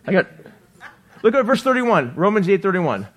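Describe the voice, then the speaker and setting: A male pastor preaching with a slightly high voice. He talks quickly and with excitement, asking one rhetorical question after another. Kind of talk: sermon.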